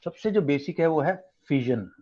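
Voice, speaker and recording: A man's voice: a little high, expressive, normal speed, mellow, husky. A man with a slightly raised voice tutors students over an online class, switching between Hindi and English as he explains. He asks the class questions as he goes. The sound is muffled and lo-fi.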